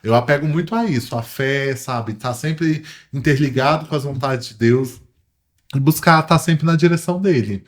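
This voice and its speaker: A man with a Brazilian Portuguese accent, a podcast guest telling stories in casual chat, animated and laughing often. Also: mid-range voice, moderate pace. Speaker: podcast guest, travel agency owner.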